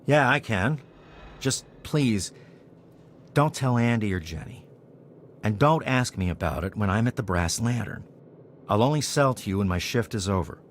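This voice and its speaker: A man's voice: lowish voice, lively intonation, moderate pace, long pauses, slight background noise, lightly acted. Guy acting an irritable junkie dealer in a game, cagey, voice jumps around a lot. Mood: defensive, irritated. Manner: defensive, evasive, irritable. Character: defensive, touchy male junkie selling drugs on the side. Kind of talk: video game character dialogue.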